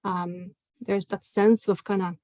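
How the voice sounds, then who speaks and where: A woman's voice: mid-range voice, flat delivery, unhurried, warm tone, no room sound. Woman advocate on a webinar panel, hesitant with lots of fillers, dry close sound. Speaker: health advocacy worker, panelist.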